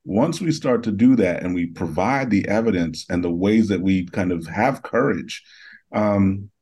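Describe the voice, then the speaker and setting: A man's voice: low-pitched, a little slow, darkish tone, breathy edge. A man, an author answering interview questions in a reflective, emphatic way. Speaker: author and editor, guest.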